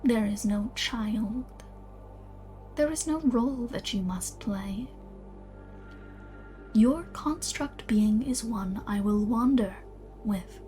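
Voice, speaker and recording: A woman voicing an eerie, coldly coaxing doll-faced creature in a tabletop game, in a breathy whisper with slow, theatrical phrasing. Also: a little high, dark tone. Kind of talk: tabletop game villain role-play. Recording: music behind the voice.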